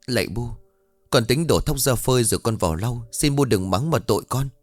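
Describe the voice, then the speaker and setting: A man's voice: mid-range voice, expressive, normal speed, no room sound, soft background music, natural voice. A man voicing a meek young wife who stammers and pleads with her mother-in-law. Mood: pleading.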